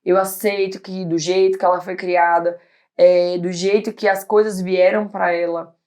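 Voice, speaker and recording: A woman in her thirties, a pediatrician guest on an interview show, talking loudly and animatedly in casual chat. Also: on the low side. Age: 30s. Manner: loud, animated, talks fast and laughs easily.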